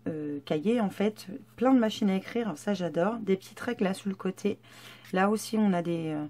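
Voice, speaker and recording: A woman's voice: medium pitch, moderate pace, dark tone. A woman vlogger casually presenting scrapbooking papers, chatty and hesitant with many fillers. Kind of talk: casual haul show-and-tell.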